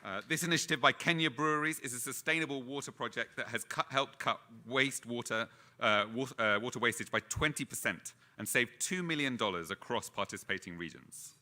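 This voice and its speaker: Bright-voiced man presenting awards. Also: mid-range voice, fairly quick. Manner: reads with small stumbles and restarts.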